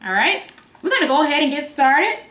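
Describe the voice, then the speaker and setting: A woman teacher reading a picture book aloud to young children in an expressive sing-song way, engaging them with simple questions. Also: sits high, fairly quick. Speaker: kindergarten teacher. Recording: roomy, echoing sound.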